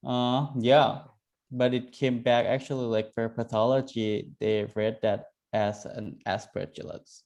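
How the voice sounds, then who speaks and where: A man's voice: medium pitch, a little mellow. Guy on a video call, walks through a medical case, lots of uh and like. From Thailand. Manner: hesitant, many fillers and restarts. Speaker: case presenter.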